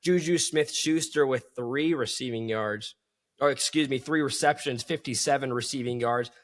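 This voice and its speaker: A man's voice: medium pitch, normal speed. A man hosting a solo sports podcast, talking with enthusiasm and calling his listeners folks.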